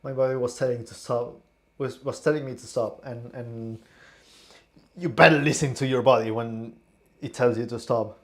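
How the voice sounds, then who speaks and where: A young man, tipsy and queasy, rambling casually in a vlog with halting repeated words. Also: medium pitch, steady tone. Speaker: streamer. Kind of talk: casual vlog, taste testing.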